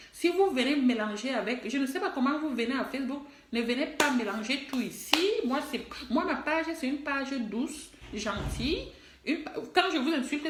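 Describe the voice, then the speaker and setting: Middle-aged woman, high-pitched, emphatic and scolding, direct-to-camera social post, echoey room. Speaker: online personality and musician. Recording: roomy echo.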